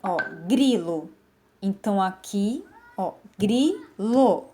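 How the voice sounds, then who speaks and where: Woman, literacy teacher, slow careful explainer, middle pitch, talking to her class from home. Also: animated. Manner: patient, slow, clear word-by-word explaining. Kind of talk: online lesson demonstration.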